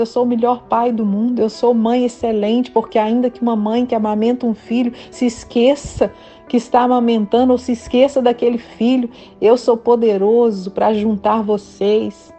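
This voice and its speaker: A woman's voice: on the high side, dark tone. A woman preacher, giving a fervent prophetic sermon that breaks into speaking in tongues.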